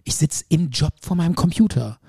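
A man voicing a female coworker in a low, subdued, mumbly tone. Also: lively intonation, brisk, gravelly, dark tone, breathy edge, no room sound, studio quality, full character voice. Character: female coworker, calm and matter-of-fact.

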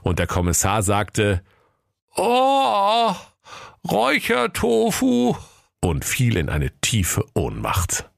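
A man's voice: deep voice, lively intonation, slow, creaky, few pauses, no echo, clean studio sound. A man narrating a comic fairy tale in a playful storyteller's voice, addressing children.

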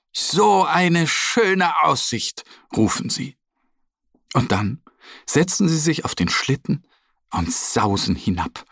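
A man telling a bedtime story for children at an unhurried pace, his voice rising and falling with lots of life. The sound is breathy and soft, close and completely dry. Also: medium pitch, no room sound. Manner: slow, lively, expressive reading.

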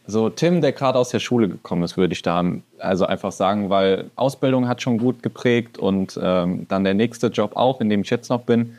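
A man in his twenties co-hosting a podcast, talking in a relaxed, colloquial way. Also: on the low side, normal speed, few pauses. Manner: relaxed, colloquial, often says "Junge". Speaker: podcast co-host. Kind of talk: casual podcast chat.

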